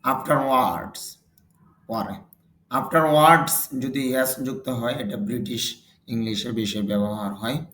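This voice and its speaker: A man's voice: medium pitch, moderate pace, fairly bright tone, echoey room. A man teaching English vocabulary, saying each word and its meaning twice and explaining pronunciation rules. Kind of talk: slow vocabulary drill lesson.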